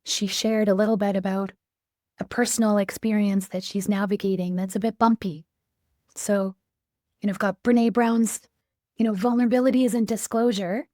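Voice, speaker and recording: Mellow-voiced woman telling a coaching story. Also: mid-range voice, steady tone, normal speed, dry recording, studio quality. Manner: reflective, recounting stories from her coaching work. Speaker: podcast co-host. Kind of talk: casual conversational podcast.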